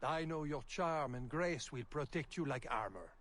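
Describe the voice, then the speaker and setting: A man's voice: a little high, expressive, normal speed. A courteous, protective father. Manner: formal, old-fashioned phrasing. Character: dignified middle-aged father, protective and courteous. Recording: game audio with soft music.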